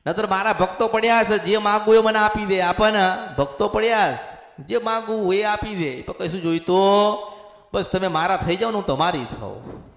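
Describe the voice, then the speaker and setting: At normal speed and with a high, fairly bright voice, a man takes the role of a spiritual medium. He preaches a possession sermon in the first person as a goddess, full of repetition, recorded in an echoey hall with long reverb.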